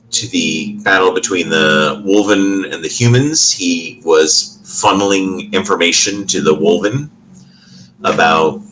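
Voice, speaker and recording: A man narrating as game master of a tabletop game, halting with many fillers. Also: low voice, a bit bright, slight background noise, rough recording.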